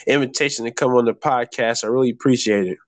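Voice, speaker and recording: A man's voice: medium pitch, fast, dry recording. A man hosting a podcast, friendly and laughing easily as he puts questions to his guest. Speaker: podcast host. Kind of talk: casual interview over a call.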